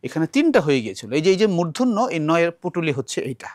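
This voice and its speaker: A man's voice: on the high side, very animated, racing, darkish tone, dry recording, clean studio sound. A man from Bangladesh teaching a recitation class, patiently explaining and repeating words aloud to model how they are said. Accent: Bangladeshi Bengali. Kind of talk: classroom lesson.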